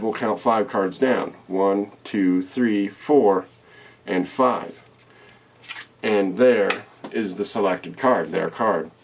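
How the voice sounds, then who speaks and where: A man giving card magician patter, explaining a trick step by step in a plain, instructional way and repeating the steps. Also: fairly low pitch. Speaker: card trick tutorial presenter.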